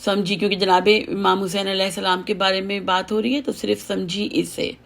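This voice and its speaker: A woman with a heavy, low voice teaching recitation, patiently correcting and chanting example lines. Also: little pitch movement, a little fast, creaky. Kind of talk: teaching recitation over a call, with sung examples.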